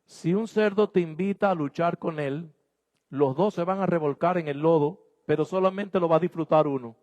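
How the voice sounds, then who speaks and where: A man's voice: fairly high pitch, normal speed, a little mellow, lo-fi sound. A man preaching a sermon as pastor, exhorting his congregation emphatically in a church. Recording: long hall reverb.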